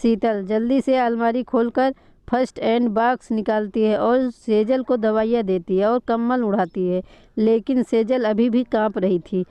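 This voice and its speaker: A woman calmly narrating a scripted family drama story. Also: on the high side, measured pace, clean tone, dry recording. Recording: dull lo-fi recording.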